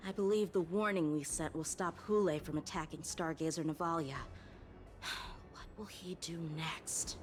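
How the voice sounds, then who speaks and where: A woman playing a thoughtful, inquisitive warrior in a game, speaking in an earnest, measured way. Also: low-pitched, fairly even intonation, soft background music, close to an everyday voice. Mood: pensive. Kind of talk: dramatic game voice acting.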